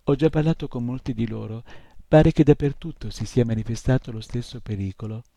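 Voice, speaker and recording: A man's voice: medium pitch, brisk, gravelly, mellow, no echo. A man voicing a tiny, polite and slightly self-important male creature in a storybook. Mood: polite, earnest.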